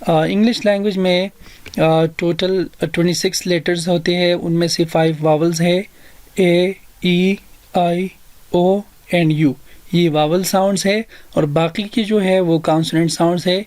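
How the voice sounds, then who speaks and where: Male tutor, higher voice, dry close sound, slow patient explaining. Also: steady tone, darkish tone, no room sound. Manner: slow and patient, many hesitation fillers. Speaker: English teacher. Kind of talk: explaining English grammar lesson.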